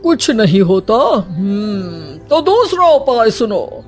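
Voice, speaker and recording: A woman's voice: medium pitch, big pitch swings, slow pace, a little mellow, soft background music. A woman voicing a smug fake holy man in a cartoon, pronouncing remedies pompously.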